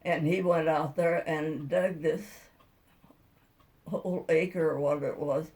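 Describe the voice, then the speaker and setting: Centenarian woman, unhurried pace, casual oral storytelling, rambling, folksy, plain-spoken. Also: deep voice, steady tone, a little mellow. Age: over 100. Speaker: interviewee recalling childhood.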